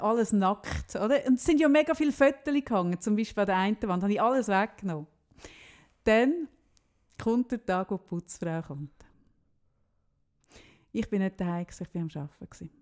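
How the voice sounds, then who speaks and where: A middle-aged woman with a Swiss German accent, talking casually as a podcast co-host. She tells stories in an animated, rambling way and drifts into quick asides. Her voice sits in an ordinary middle register. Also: medium pitch. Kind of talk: casual chat, storytelling.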